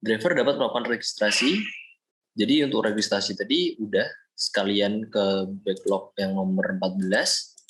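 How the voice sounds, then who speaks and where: A young man from Indonesia, a student, explaining a software project step by step in a screen-recorded walkthrough, often pausing with fillers. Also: fairly low pitch, low-quality recording. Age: young adult. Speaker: student presenting a project demo.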